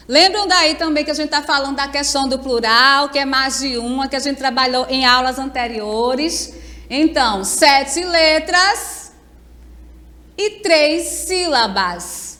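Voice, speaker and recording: A Brazilian woman teacher speaks in a high, clear register at an unhurried pace. She explains patiently and sounds words out syllable by syllable. The recording carries a long reverb tail. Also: pushed and bright. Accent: Brazilian Portuguese. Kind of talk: remote class lesson.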